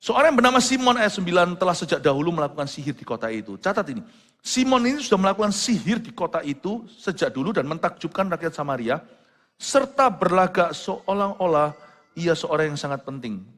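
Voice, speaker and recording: Male pastor mid-sermon, animated delivery from hushed to loud, reverberant hall. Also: high-pitched, brisk. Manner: switches between quiet storytelling and loud exclamations; mixes English phrases into his preaching. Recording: long hall reverb with faint music.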